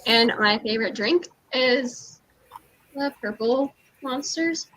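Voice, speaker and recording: A woman cosplayer chatting in character on a livestream, bubbly and excitable. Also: fairly high pitch, takes it slowly, low-quality recording. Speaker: cosplayer answering questions in character.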